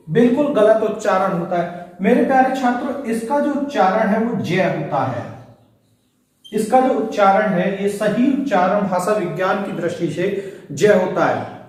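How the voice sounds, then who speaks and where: A man's voice: sits high, a little mellow. A man teaching a Hindi grammar lesson in an earnest, repetitive lecture style, often addressing his dear students. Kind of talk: classroom lecture. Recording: very echoey room, voice far from mic.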